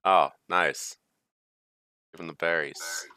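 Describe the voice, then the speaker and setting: A man playing a tabletop game, chatting in a slow, bemused way and laughing often. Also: low voice, steady tone, bright, forceful tone, clean tone. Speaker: player. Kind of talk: casual game chat.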